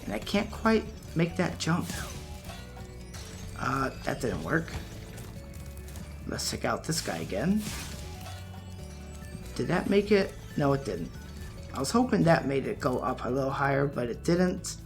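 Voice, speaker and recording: A man giving relaxed, chatty commentary while playing a video game, his voice wearing out. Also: mid-range voice, a little slow, long pauses, faint music behind. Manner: relaxed, chatty, laughs at his own mistakes. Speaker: let's play gamer. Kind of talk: casual gameplay commentary.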